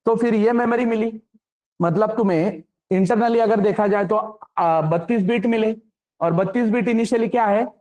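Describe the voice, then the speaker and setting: A man's voice: high-pitched, darkish tone. A man giving a programming lecture, often stopping to ask if the class understands. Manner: keeps checking understanding with quick questions. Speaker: programming instructor.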